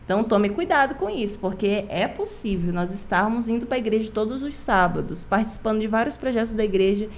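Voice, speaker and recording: A woman's voice: medium pitch, animated, fairly quick, few pauses, a little hiss or hum. A young adult woman from Rondônia sharing an emphatic personal faith testimony as a guest, repeating phrases for stress. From Rondônia, Brazil. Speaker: guest, youth church leader.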